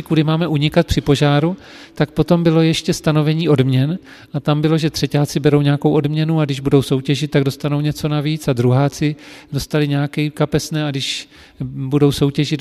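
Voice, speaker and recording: A male hairdresser who tells personal stories in a casual, lively way, with frequent fillers. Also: fairly high pitch, big-room sound. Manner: animated and lively when telling anecdotes, with frequent fillers.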